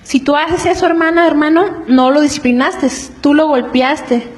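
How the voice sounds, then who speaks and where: A woman preaching to a congregation in an earnest, explanatory way, often checking in with quick rhetorical questions. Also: sits high, low-quality recording. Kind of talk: church teaching on family.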